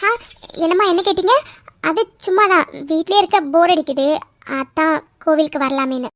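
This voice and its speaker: A woman's voice: extremely high pitch, moderate pace, a bit bright, slight background noise. A woman voicing a scheming, tearful sister-in-law in a cartoon, pleading and swearing oaths. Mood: evasive. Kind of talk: cartoon voice acting.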